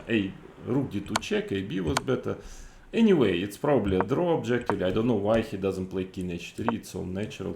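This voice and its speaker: A man giving off-the-cuff chess commentary in an exasperated, incredulous, critical way, with halting, repetitive phrasing and rhetorical questions. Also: fairly low pitch, gravelly, reverberant, background noise.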